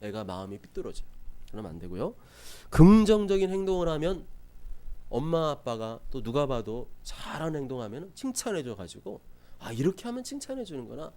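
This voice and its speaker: Lively, mellow-voiced Korean pastor preaching. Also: male voice, mid-range voice. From South Korea. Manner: lively preaching, acts out scolding parents in quick asides. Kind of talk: sermon. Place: church sanctuary.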